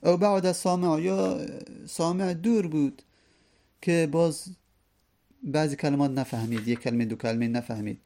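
A man teaching a lesson, who reads classical verses slowly and then explains them at length. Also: fairly high pitch, dark tone. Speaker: teacher of hadith studies.

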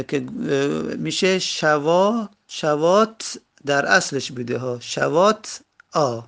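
A man teaching a grammar lesson, going slowly and repeating each example word. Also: fairly high pitch, gravelly, a bit bright. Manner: slow, repetitive, drawing out example words. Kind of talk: Arabic grammar lesson in Persian.

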